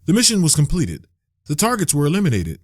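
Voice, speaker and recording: A man's voice: on the high side, huge pitch swings, fast talker, darkish tone, breathy edge, no echo, voice pushed up, heavily acted. Man doing a young female assassin, raised voice, clipped, defiant, dry sound. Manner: clipped, annoyed, firm.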